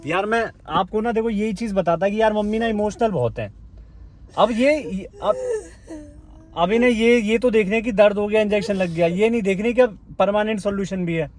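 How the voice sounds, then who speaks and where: A man's voice: sits high, normal speed, darkish tone. A man vlogging in casual chat, talkative and coaxingly consoling his mother.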